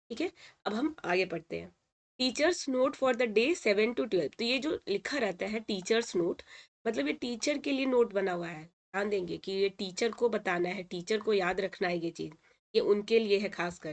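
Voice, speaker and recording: A woman teacher talks through a lesson at an even, medium pitch. She repeats each word slowly and checks in often with short confirmations. Her manner is patient and steady. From India. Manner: patient, repeats words and says "ठीक है" often. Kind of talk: explaining a textbook lesson in Hindi.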